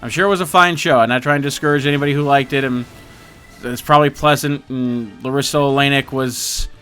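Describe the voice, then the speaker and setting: A loud, grumpy sidekick, played by a man in an improvised comic bit, complaining in exasperated bursts with a bright, forceful edge to the voice. Faint game music plays behind him. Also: medium pitch, fairly even intonation, a little fast, clear, resonant tone, close to an everyday voice.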